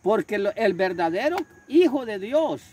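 An older man tells his story with fervor, repeating his phrases and acting out each voice. His voice is husky and high, and it leaps through a wide range. Crickets chirp faintly behind him outdoors. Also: big pitch swings, unhurried, warm tone. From Honduras. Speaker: street preacher. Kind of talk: storytelling interview.

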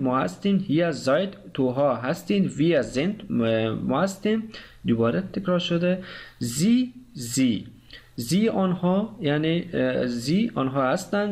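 A man with a slightly high voice and an Afghan Dari accent teaches German verbs in a lesson. He hesitates often, filling gaps with "uh" sounds. He reads the conjugation tables slowly and carefully. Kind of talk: explaining grammar, conjugating verbs aloud.

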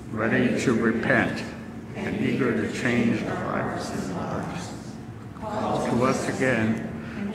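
A man leading worship as liturgist, reading prayers and scripture in a measured, solemn way from a church lectern. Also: mid-range voice. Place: large church sanctuary. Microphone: lectern microphone. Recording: distant mic, long church reverb.

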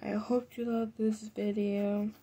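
Woman, just woke up, slow soft mumbling, husky voice, slips into whispers, casual gameplay commentary. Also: medium pitch, little pitch movement. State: just woke up, low energy. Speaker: gaming video creator.

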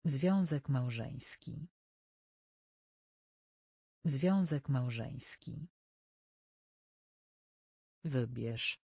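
Synthetic male voice, vocabulary drill, single repeated words, breathy tone, dry close sound. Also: medium pitch, animated, very slow, pauses often, darkish tone, no echo. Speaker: vocabulary reader. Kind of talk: synthetic voice reading a vocabulary list.

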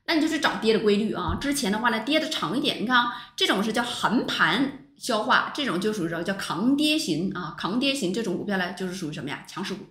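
A woman teaching a stock market lesson over chart screens, talking with lively rhetorical questions to her viewers. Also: medium pitch, fast, few pauses. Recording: roomy echo.

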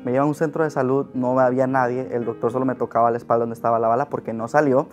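A man's voice: medium pitch, level tone, racing, soft background music. A young man sharing a personal testimony with earnest, emotional storytelling, then leading a prayer. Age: young adult. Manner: earnest, emotional storytelling, often rising in loudness. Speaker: testimony speaker.

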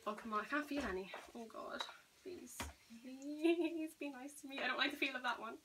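A woman's voice: sits high, sing-song, normal speed. A young woman vlogging casually, giggly and teasing. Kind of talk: casual chat. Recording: camera mic with audible hiss.

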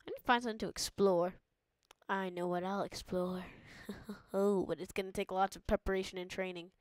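A woman's voice: medium pitch, fairly even intonation, a little fast, a little mellow, dry recording. A woman giving playful, jokey let's-play commentary, mock-dramatic and often dropping into a whisper. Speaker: gamer.

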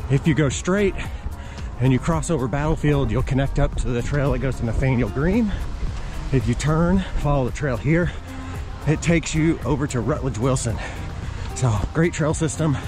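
A man narrates a casual vlog while running outdoors. His voice sits at an average pitch for a man. He talks to viewers into an action camera on the trail, with clear music behind him. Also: normal speed. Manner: talking while out on a run. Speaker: running vlogger. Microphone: action camera on a pole.

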